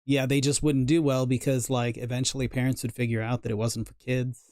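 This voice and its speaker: A man chatting casually while he plays a game on stream, spinning rambling stories and teasing his co-host. His voice sits at a middling pitch. The recording is dry and close, with no room echo. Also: level tone, brisk, a little mellow. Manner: rambling storyteller, teasing and jokey. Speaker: gaming streamer. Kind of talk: casual chat while playing.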